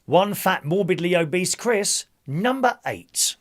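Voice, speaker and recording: A man hosts a bingo night as its caller, in a notably high voice. His pitch leaps about in a sing-song way as he calls the numbers. He is a jokey, chummy showman who mixes rhymes with banter. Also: lively intonation, slow pace, a bit bright. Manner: chummy, addresses players as gang and my loves.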